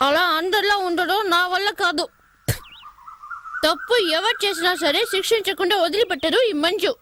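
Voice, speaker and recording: Defiant young daughter, very high voice, haughty. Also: female voice, normal speed, noisy background. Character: stubborn proud young woman, daughter.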